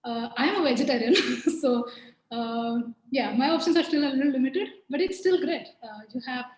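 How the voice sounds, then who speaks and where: A woman, a guest in a casual interview, relaxed and laughing often. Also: sits high, normal speed, echoey room, a little hiss or hum, poor audio. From India.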